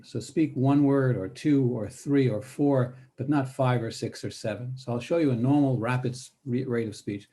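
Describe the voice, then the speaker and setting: Older male presenter, mellow low tone, measured workshop delivery with deliberate pauses and shifting emphasis. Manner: deliberate, pausing between phrases; demonstrates varied word emphasis. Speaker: guest presenter on speech strategies. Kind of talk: spoken workshop talk with demonstrations.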